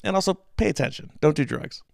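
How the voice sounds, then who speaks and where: A man from Illinois co-hosting a casual history podcast, chatty and joking with quick asides. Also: fairly high pitch, lively intonation, vocal fry, a little mellow, no echo, clean studio sound. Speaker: podcast co-host.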